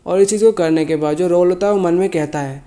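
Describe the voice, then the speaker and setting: Recapping a manhwa at a quick clip, this man speaks in a high, warm voice despite a sore throat that leaves him unwell. He's casual and self-correcting, often reworking what he says partway through a sentence.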